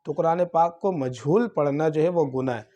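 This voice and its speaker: A man's voice: a little high, warm tone, dull audio. A man with a Pakistani Urdu accent teaching Quran reading, explaining letters and vowel marks step by step. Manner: drawn-out syllables in recitation drills. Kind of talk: slow spelled-out teaching lesson.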